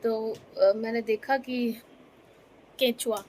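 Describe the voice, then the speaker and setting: Speaking slowly in a fairly high, steady voice with a darkish tone, a young woman vlogs casually from her bedroom at home. She talks into her phone's front camera and playfully teases about her toddler.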